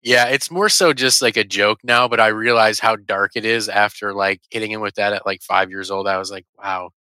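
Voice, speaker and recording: A man co-hosting a casual podcast, teasing his friends, laughing often and swinging from low mutters to loud outbursts. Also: fairly even intonation, moderate pace, clear, resonant tone, dry recording, rough recording. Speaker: podcast co-host. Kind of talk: casual chat.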